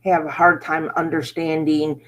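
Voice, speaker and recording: An American woman hosting a casual chat in a relaxed, friendly way. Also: deep voice, measured pace. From United States. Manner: friendly, easygoing, laughs often.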